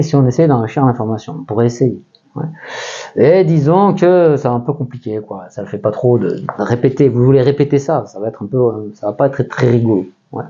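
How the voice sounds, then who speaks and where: A man's voice: mid-range voice, warm tone, muffled recording. A man with a French accent teaching a math lesson in a casual way, thinking aloud with many fillers and often checking that his listeners follow.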